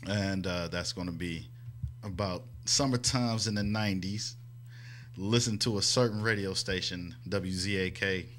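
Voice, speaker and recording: A man's voice: low-pitched, unhurried, a bit bright, slight background noise. A man from New Jersey, a guest on a radio talk show, telling stories in an easygoing, casual way.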